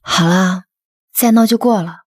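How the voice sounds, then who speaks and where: A woman's voice: medium pitch, unhurried, natural voice. A young woman playing a self-assured wife in a drama, speaking curtly and coolly. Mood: dismissive. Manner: cool, curt, assertive. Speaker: wife, heroine. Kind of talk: TV drama acting.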